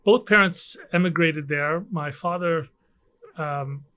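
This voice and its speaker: Speaking slowly in a slightly high, bright voice that's forceful yet smooth, this Canadian guest scientist in middle age gives a relaxed, conversational interview. He stumbles with frequent fillers and false starts, recorded in an office with an air conditioner humming.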